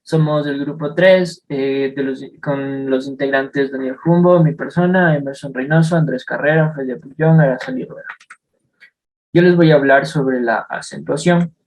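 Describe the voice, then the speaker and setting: A man's voice: medium pitch, steady tone, normal speed, poor audio. A young male student giving a class presentation, hesitant with many fillers as he reads out examples.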